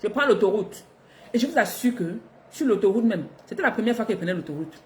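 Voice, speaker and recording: A middle-aged woman from Africa, telling a personal story to her viewers in a lively, expressive way, laughing between lines. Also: mid-range voice, fast talker. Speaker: vlogger.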